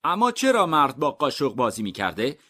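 A man narrating comic mystery stories in a deadpan, even storytelling manner. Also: mid-range voice.

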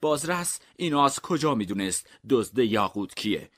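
A man reads out short comic mystery tales. His voice sits at a medium pitch. His manner is dry and deadpan, telling each twist evenly. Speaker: narrator. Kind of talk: comic mystery story reading.

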